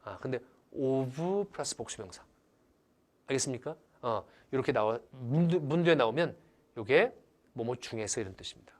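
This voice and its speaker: A man's voice: medium pitch, normal speed. A man teaching English grammar in a lecture. He acts out examples theatrically and keeps asking the class whether they understand. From Korea. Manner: lively, theatrical, asks the class questions often. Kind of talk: animated lecture with acted-out examples.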